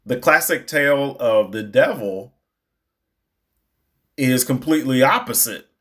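Man, young adult, casual storytelling, animated, rambling, restarts a lot, mid-pitched. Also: a little slow. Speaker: storyteller recounting a movie outing.

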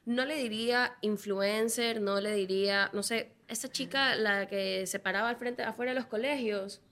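A woman co-hosting a casual podcast chat, making quick, wry comments. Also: a little high, steady tone, fairly bright tone. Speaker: podcast co-host.

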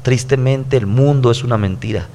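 A man's voice: medium pitch, moderate pace, gravelly, warm tone, a little hiss or hum. A man in his thirties with a Mexican accent, a pastor who preaches conversationally on a podcast and repeats his points earnestly. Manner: earnest, preachy, stacked repetitions.

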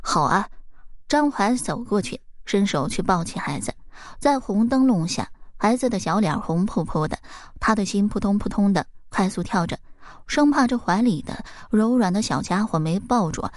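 A woman reading a folk tale aloud in an expressive storybook narration. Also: medium pitch, moderate pace, dry recording, clean studio sound.

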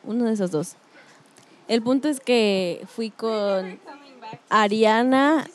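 Giggly woman with a bright voice. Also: on the high side, slow pace. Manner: giggly, rambling, mixes in English words. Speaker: podcast co-host. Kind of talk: casual chat.

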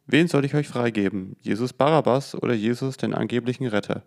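A man's voice: medium pitch, brisk, vocal fry, darkish tone, lightly acted. A man reading the lines of a Roman governor in a questioning, slightly raised voice within a Bible reading.

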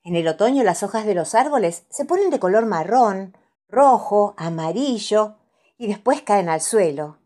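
A woman reading children's stories aloud, soft and playful. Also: medium pitch, animated, normal speed. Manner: soft, playful, sing-song delivery. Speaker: storyteller.

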